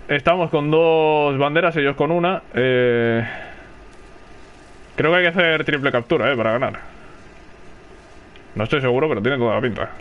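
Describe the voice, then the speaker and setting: A man's voice: medium pitch, normal speed, long pauses, narrow, tinny audio. A man with a Spanish accent from Spain, commenting live on his own gameplay, chatting and calling out to teammates. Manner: chatty, reacts aloud and calls to teammates. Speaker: gaming streamer.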